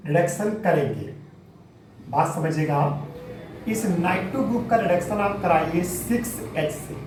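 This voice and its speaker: A man's voice: high-pitched, recorded from a distance, slight background noise. A man teaching chemistry in a classroom lecture, working through a reaction step by step, often asking rhetorical questions and calling students "beta". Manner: explains step by step, calls students 'beta'; checks understanding with rhetorical questions. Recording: echoey room, mic set back, faint ambience.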